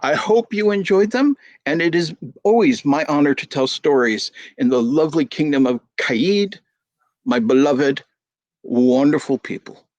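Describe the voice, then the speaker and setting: A man telling a folk tale in an animated, theatrical way over a video call. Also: on the high side, measured pace, dry recording, dull audio. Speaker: storyteller. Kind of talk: storytelling performance.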